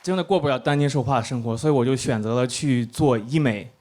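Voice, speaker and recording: A man's voice: medium pitch, quick pace, heavy background noise. A young man performing a stand-up set on stage, joking at his own expense. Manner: self-mocking, jokey. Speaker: stand-up comedian. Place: comedy stage with live audience.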